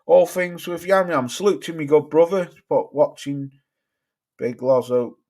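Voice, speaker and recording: A man's voice: a little high, a little slow, mellow. Chatty man reading live chat. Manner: chatty, swears freely, reads chat comments aloud. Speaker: boxing livestream host. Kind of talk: casual live-chat commentary.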